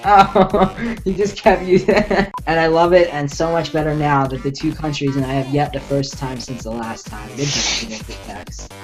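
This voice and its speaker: A man's voice: on the high side, faint music behind, low-quality recording. A man co-hosting a podcast in casual chat, laughing often between remarks. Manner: laughs often, slow and giggly. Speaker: podcast co-host.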